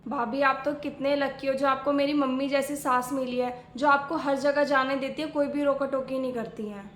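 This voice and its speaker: A woman's voice: sits high, fairly even intonation, moderate pace, a bit bright, a little hiss or hum. Woman playing a chatty complaining young wife. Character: young married daughter, complaining about her in-laws. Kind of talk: family skit acting. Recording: echoey room.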